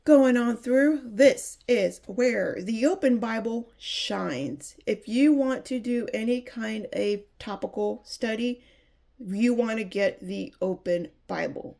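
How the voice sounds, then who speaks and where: A woman's voice: a little high, creaky, dark tone. A woman giving a chatty, enthusiastic Bible review, sounding a bit nasal from allergies. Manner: chatty, enthusiastic, restarts often. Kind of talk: casual product review.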